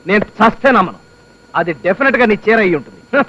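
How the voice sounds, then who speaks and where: A jumpy high-voiced newlywed. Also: male voice, breathy edge, highs cut off, heavily acted. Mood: indignant. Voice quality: excitable, quick and shouty. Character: flustered young husband, jumpy and loud. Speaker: newly married office clerk. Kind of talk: film comedy acting. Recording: film score behind.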